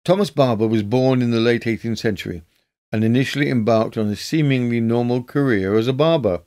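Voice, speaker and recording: A man narrating a scripted history episode in a measured, documentary-style reading. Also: medium pitch, darkish tone.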